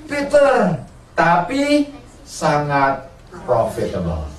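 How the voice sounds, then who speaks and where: A man's voice: on the high side, wildly swooping pitch, extremely slow. A man preaching a sermon, asking his congregation questions and answering them himself. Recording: roomy, from a distance, faint ambience.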